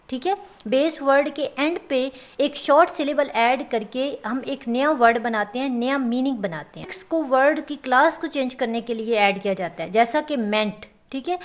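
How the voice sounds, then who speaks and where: A woman teaching a lecture to students, explaining step by step and often checking that they follow. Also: high-pitched. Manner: explains slowly with repeated check-ins.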